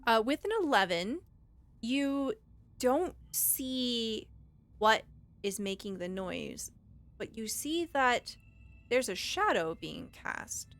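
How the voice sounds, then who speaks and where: A woman's voice: fairly high pitch, lively intonation, slow pace, a bit bright. A woman narrating a tabletop roleplaying game as game master, with descriptive, suspenseful storytelling.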